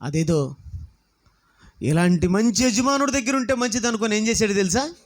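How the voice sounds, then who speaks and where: A man preaches in an animated, storytelling way. His voice sits unusually high for a man. He keeps circling back with repeated rhetorical questions to his listeners. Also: moderate pace. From South India. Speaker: pastor. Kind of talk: sermon.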